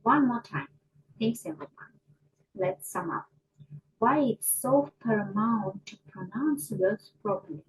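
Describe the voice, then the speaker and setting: A woman teaching English pronunciation to a class, slow and deliberate, often checking in with her students. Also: a little high, animated, husky, low-quality recording. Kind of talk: online micro lesson.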